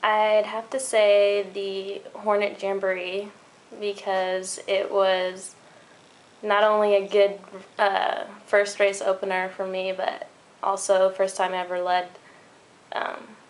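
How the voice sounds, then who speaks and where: Young woman with a gravelly voice. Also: mid-range voice, monotone, takes it slowly. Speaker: college cross-country runner. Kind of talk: casual interview answers.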